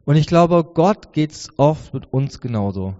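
A man in his thirties delivers a conversational, earnest sermon, his voice sitting a little high yet mellow in tone. The sound is dull and carries the long reverb of a large church hall. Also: animated, measured pace. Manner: earnest, conversational preaching with many restarts. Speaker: preacher.

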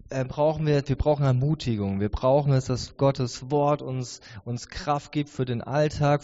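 A man's voice: medium pitch, warm tone. A man in his thirties preaching a sermon in an earnest, conversational way, often restarting his sentences. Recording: dull sound with long hall reverb.

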